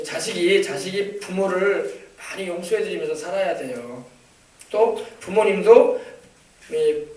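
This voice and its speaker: A man's voice: a little high, darkish tone, slight background noise. A male pastor preaching a sermon, exhorting his congregation and prompting them to answer, often repeating phrases for emphasis. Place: church sanctuary. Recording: echoey church hall from far off.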